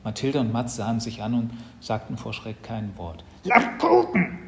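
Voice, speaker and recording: A man reading a children's Christmas story aloud as narrator, in a lively storytelling manner. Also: lowish voice, normal speed, a little hiss or hum.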